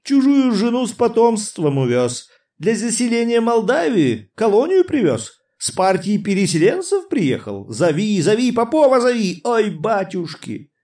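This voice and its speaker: A man's voice: sits high, sing-song, a little slow, a little mellow, voice pushed up, exaggerated voice. A man reading an audiobook, voicing a boisterous, laughing older prince who exclaims and teases. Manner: exclaiming, guffawing, teasing. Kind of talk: audiobook character voice.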